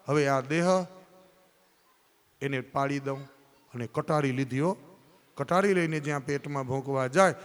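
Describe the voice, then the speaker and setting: A man's voice: on the high side, smooth. A man telling a devotional story to a live audience, addressing listeners directly and slipping into character voices. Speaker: scripture storyteller. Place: large hall at a live religious event. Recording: long hall reverb.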